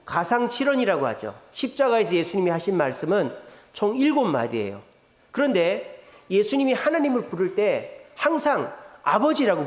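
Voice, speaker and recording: A male pastor preaching a sermon in an animated way, putting rhetorical questions to the congregation. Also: sits high. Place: church sanctuary. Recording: echoey church hall reverb.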